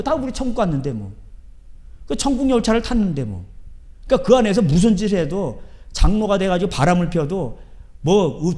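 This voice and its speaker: A man, a pastor preaching a sermon in a church, emphatic and swinging from soft asides to shouting. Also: high-pitched. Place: church sanctuary.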